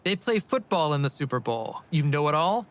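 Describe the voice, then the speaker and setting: A man's voice: fairly high pitch, very animated, moderate pace. An actor playing a casual young man who teases his friend in a scripted English dialogue scene. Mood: teasing. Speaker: dialogue character.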